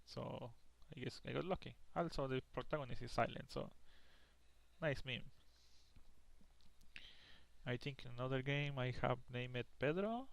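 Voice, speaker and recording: A tired young man yawns his way through a casual let's play, rambling over the gameplay with frequent restarts and an occasional curse. His mid-range voice is creaky and unhurried, broken up by plenty of pauses.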